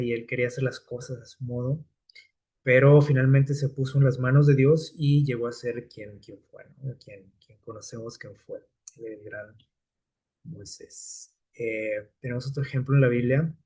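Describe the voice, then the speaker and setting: A man preaches a sermon in a conversational way, often checking in with rhetorical "¿sí?" and "¿no?" and using hesitant fillers and repeated words. His voice is medium in pitch and steady at a normal speed, a little mellow and slightly rough.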